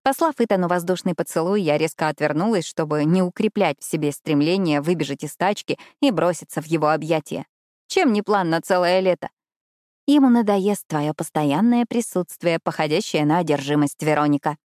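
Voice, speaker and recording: Expressive female audiobook narrator. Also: sits low, a little fast, dry recording, clean studio sound. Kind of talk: first-person audiobook narration.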